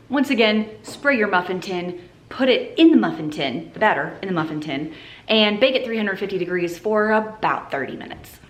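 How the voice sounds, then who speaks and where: A woman's voice: on the low side, slight background noise. A woman in her thirties in a casual cooking vlog, chatty and upbeat, talking through recipes in her home kitchen. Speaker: cooking vlogger.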